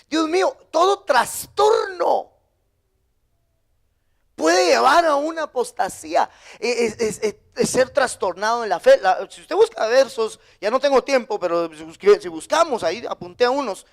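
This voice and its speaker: High-voiced male pastor preaching. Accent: Guatemalan Spanish. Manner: lively preaching with sudden high emphatic bursts. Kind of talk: sermon.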